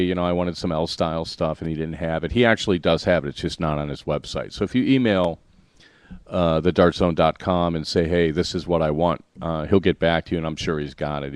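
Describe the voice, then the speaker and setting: Male podcast host, low voice, loose conversational delivery that keeps restarting, dry recording. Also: no room sound. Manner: rambling, self-correcting, explains slowly. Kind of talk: casual chat.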